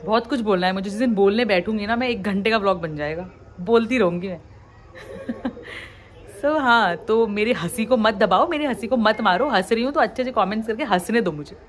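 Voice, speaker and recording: A woman's voice: medium pitch, fairly quick, slight background noise. A young woman in her twenties from the Uttarakhand hills, venting frankly to her viewers, frustrated, mixing English phrases into her talk. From Uttarakhand, India. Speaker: vlogger. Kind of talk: candid talk to camera.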